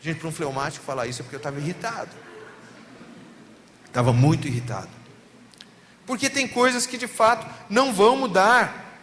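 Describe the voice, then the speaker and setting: A Brazilian Portuguese-accented pastor preaches a sermon at a family seminar in a church hall, telling stories with lively emphasis as his fairly high voice rises and falls. He speaks at a normal speed and pauses often. The hall is reverberant, with faint background noise.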